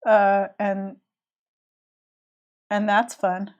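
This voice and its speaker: A woman's voice: mid-range voice, monotone, very slow, highs cut off. A woman with a cold, chatting casually and rambling with restarts while she draws on a live stream. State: has a cold. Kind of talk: casual chat while drawing.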